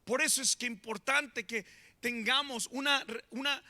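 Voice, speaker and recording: A man preaching a sermon in an animated way, swinging between loud and soft. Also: extremely high pitch, unhurried. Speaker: pastor.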